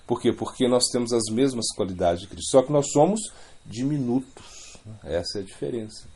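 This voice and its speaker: A man's voice: mid-range voice, dark tone. A man giving an informal religious lecture, rambling, repeating words and adding many questioning asides. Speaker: spiritual teacher.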